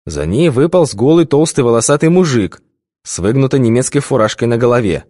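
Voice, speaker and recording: A man narrating an audiobook in an expressive, varied reading. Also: medium pitch, fairly quick, dry recording, studio quality. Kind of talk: scripted narration.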